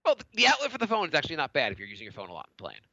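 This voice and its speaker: A man's voice: on the high side, very fast, no room sound, dull audio. A man co-hosting a podcast, telling a story in casual chat and acting out other people's lines, a little congested from a cold. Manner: animated, acts out other people's lines in a raised voice. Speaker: podcast co-host.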